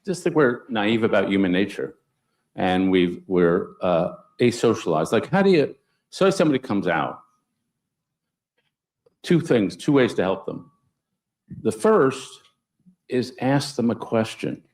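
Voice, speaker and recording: A man speaking on a conference panel, telling anecdotes with sudden upward jumps in pitch for emphasis. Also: big pitch swings, a little slow, long pauses, a little mellow. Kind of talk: panel discussion storytelling.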